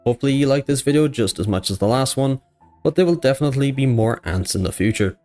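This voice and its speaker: A man's voice: medium pitch, lively intonation, fast, darkish tone, faint music behind. A man narrating his gameplay as a gaming YouTuber, in a dry, joking scripted voice-over.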